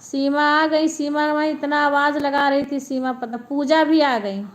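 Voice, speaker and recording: A woman chats with her live-stream viewers from home, lying down as she talks. Her voice sits fairly high, and she talks in an unhurried, drawn-out way. She is homely and chatty, and she circles back to the same points again and again. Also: steady tone. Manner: chatty, homely, repeats herself.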